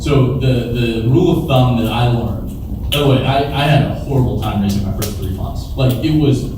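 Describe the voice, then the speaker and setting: Speaking at a normal pace in a mid-range voice, this man is a venture capitalist visiting as a guest to field questions before a live crowd. His talk wanders from anecdote to anecdote, and he brings them to life by voicing made-up exchanges. A distant microphone captures the hall's echo along with clearly audible background noise.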